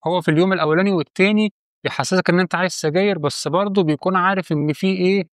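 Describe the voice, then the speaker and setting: A man's voice: high voice, steady tone, very fast, dry recording, studio quality. A man with an Egyptian Arabic accent giving direct, coaching advice to the viewer in a casual monologue. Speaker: channel host giving quit-smoking advice.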